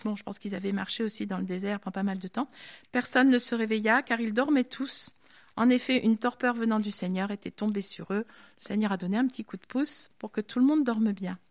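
A woman giving an informal Bible teaching, reading scripture aloud and commenting on it in a chatty, lively way. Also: medium pitch, a little fast. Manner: reads scripture then comments chattily, voices the characters' lines.

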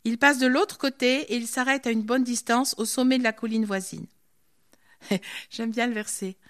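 A woman giving an informal Bible teaching, reading scripture aloud and commenting on it in a chatty, lively way. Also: a little high, moderate pace. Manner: reads scripture then comments chattily, voices the characters' lines.

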